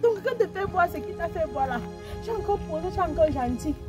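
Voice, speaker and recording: A woman playing a blunt female friend who scolds and lectures, with music clearly underneath. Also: high voice, expressive, brisk. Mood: lecturing.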